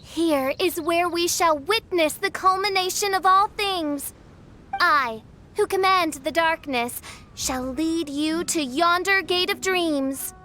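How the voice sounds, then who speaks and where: A woman's voice: very high-pitched, slow pace, pushed and bright, slight background noise, heavily acted. A woman voicing a grandiose, theatrical young princess of darkness who declaims in pompous, archaic phrases in a video game. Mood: grand, solemn. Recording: faint music behind the voice.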